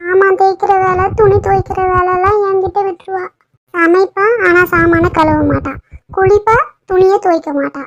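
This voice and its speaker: A woman's voice: very high voice, fairly even intonation, normal speed, muffled recording, slight background noise. A woman doing a whiny, gossipy neighbor aunty. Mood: complaining. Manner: whiny, complaining. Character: gossipy complaining neighbor aunty, middle-aged.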